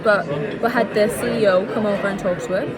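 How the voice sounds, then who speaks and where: This young British vlogger rambles informally to her camera, talking fairly quickly in a mid-range voice with fairly even intonation. The camera mic picks up a very noisy, busy crowd behind her.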